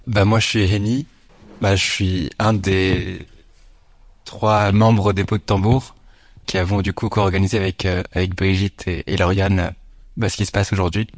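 A man's voice: deep voice, flat delivery, normal speed, no room sound. A man, an event co-organiser, informally introducing himself to a group.

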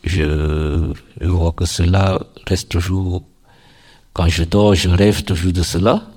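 A man speaks in a very deep, husky voice. He talks slowly and evenly, keeping a flat, steady tone. His testimony is formal and earnest, with carefully chosen words. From Cameroon. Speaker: workshop participant giving testimony.

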